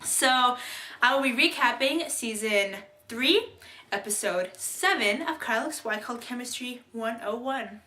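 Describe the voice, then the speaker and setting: Bubbly young woman, bright echoey vlog. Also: fairly high pitch, expressive, unhurried, slight background noise. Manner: bubbly, rambling, many fillers and restarts. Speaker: vlogger recapping a TV episode. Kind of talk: casual chatty recap. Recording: echoey room.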